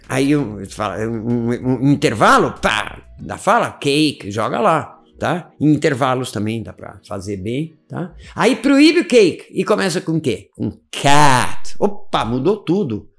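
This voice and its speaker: A man teaching a casual video lesson, animated and repetitive, checking in often with his listeners. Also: a little high, gravelly. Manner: animated, repeats words, frequent "tá?" check-ins. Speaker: English teacher.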